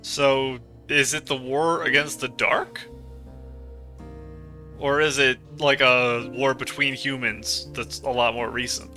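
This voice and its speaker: Bright, forceful-voiced man doing game commentary. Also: medium pitch, steady tone, takes it slowly, soft background music. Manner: musing, speculating aloud. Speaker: let's play host.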